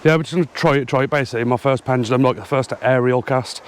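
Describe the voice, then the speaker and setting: Out in a field, a man vlogs about fishing to an action camera, slightly out of breath. His mid-range voice moves at a quick pace with slight background noise, and he talks casually and hesitantly, with lots of ums.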